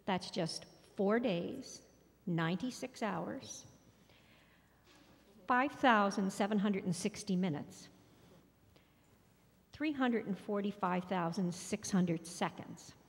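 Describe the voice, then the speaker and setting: A woman's voice: mid-range voice, slow, gravelly, long pauses. A middle-aged woman reading a prepared announcement at a church podium microphone, cheerful with rhythmic lists. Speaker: fair organizer. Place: large church sanctuary. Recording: long reverb in a church hall.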